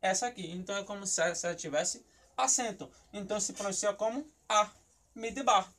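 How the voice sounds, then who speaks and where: A man's voice: high-pitched, brisk, fairly bright tone. A Brazilian man teaching a recorded lesson on Hebrew syllables, asking himself questions and then answering them, often repeating words as he thinks. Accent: Brazilian Portuguese. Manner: explanatory, asks and answers his own questions, repeats words while thinking.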